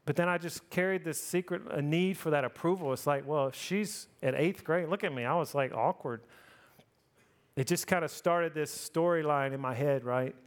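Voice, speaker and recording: At a normal speed, a preacher in his forties recounts his life story in a sermon, his voice sitting a little above the usual male range. His style is relaxed and self-mocking, punctuated by frequent "right?" to the listeners.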